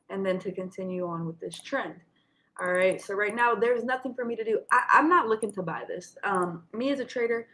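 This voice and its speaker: A woman's voice: medium pitch, a bit bright, slight background noise. Woman trading coach with slight retainer lisp. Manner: instructive, addressing listeners directly, checking with "right?". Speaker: trading coach hosting a market session. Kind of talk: informal live chart commentary for students.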